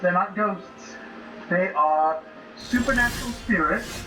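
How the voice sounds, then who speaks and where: A man with a high voice improvises in character as a player in a tabletop role-playing game, taking it slowly with music in the background. Roomy, distant mics pick up noisy background audio.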